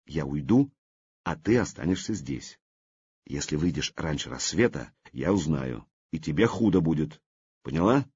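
A male reader voicing a bold, daring young warrior with a Norse accent, speaking low and calmly. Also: moderate pace, husky, no room sound, dull audio, exaggerated voice. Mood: threatening. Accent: Norse-tinged Old Russian speech. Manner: low, steady, menacing calm.

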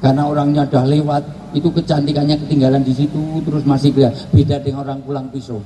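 A man's voice: a little high, fast talker, slight background noise, poor audio. A man giving a humorous religious lecture, teasing his audience and acting out quotes. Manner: joking, teasing the audience, lively acted-out quotes. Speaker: preacher.

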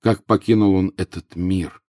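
A man reading a story aloud as an audiobook narrator, in a measured, grave manner. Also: deep voice, steady tone, warm tone, no echo, clean studio sound. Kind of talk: scripted narration.

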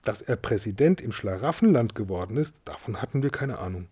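Man doing a curious excited schoolboy, voice pushed up a bit, mellow. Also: lowish voice, brisk, slightly rough. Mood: eager. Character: curious schoolboy, lively and eager.

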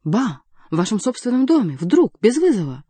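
A woman reading an audiobook voices a calm, ironic young male courtier who teases his opponent. Dry, close recording. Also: on the high side, normal speed, husky, dry recording, pitched above the performer's own voice. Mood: mocking. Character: mocking, cool-headed young male courtier.

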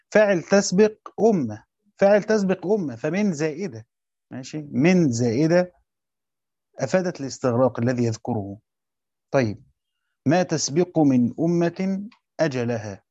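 A man with an Egyptian Arabic accent teaching a classroom lesson, quizzing his students and repeating his points slowly. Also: on the high side, mellow, no echo, muffled recording. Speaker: teacher of Quran commentary.

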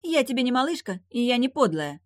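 A frail young lake maiden, as the reader puts her on, her voice pitched high and thin. She squeaks out her words in pain, and the recording is dry and close. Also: very animated, fairly quick, dry recording. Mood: indignant. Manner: weak, squeaking.

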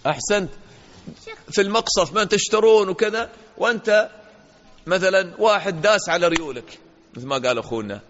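A man's voice: sits high, expressive, a little fast, pauses often, fairly bright tone. A man giving an interactive religious lesson to children, asking questions, praising answers and acting out little dialogues. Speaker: sheikh teaching children. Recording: dull lo-fi audio in a reverberant hall.

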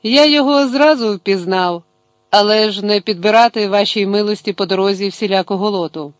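A man voicing a gruff male sled driver who talks in a dismissive way. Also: high voice, a little fast, no echo, lightly acted.

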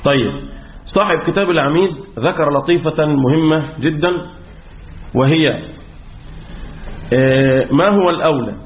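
An Egyptian man teaches the rules of Quran recitation, tossing questions to his students and answering them himself. His voice sits a little high. The sound is thin and narrow, like a phone line. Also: moderate pace, long pauses, roomy sound. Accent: Egyptian Arabic. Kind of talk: religious lesson on recitation rules. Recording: tinny phone-like audio.

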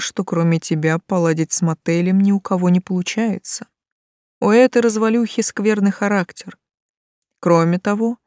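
A woman voicing a calm, stern male angel of death who speaks slowly and levelly, with a mocking edge. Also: mid-range voice, no echo, clean studio sound, close to an everyday voice. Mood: blunt.

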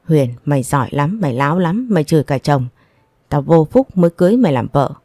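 A harsh, contemptuous husband in an audio story, as a woman narrator reads him. His lines come low and quick, dry and close to the mic. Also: lively intonation, dark tone, no room sound. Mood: furious. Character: angry, cold adult husband in a marital fight.

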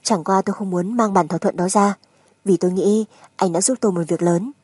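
A woman voicing a composed, resolute wife, soft-toned. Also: medium pitch, a little fast, breathy edge, no room sound, natural voice. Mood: calm, resolute. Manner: firm, controlled, insistent. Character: resolute, composed young wife demanding a divorce.

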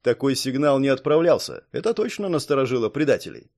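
A man reading aloud, voicing a calm, shrewd male analyst who lays out his reasoning in a measured way. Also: medium pitch. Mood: thoughtful. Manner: thoughtful, measured.

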